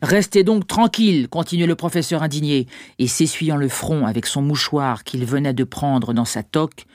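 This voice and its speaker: A measured, expressive reader narrating a classic novel as an audiobook. The voice sits in a middle register and sounds dry and close, with no room around it. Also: medium pitch, no echo. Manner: measured, expressive literary reading.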